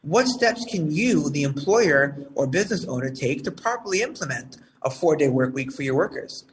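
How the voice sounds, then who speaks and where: A man hosting a live talk show, heard over a phone, speaking in a formal, measured way with some fillers. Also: fairly high pitch, expressive, distant mic, poor audio.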